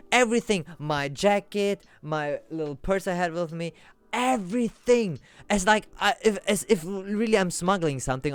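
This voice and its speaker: A man with a smooth, rather high voice and no echo is streaming live, telling his chat a rambling story. He keeps restarting and gets more and more worked up as it goes on.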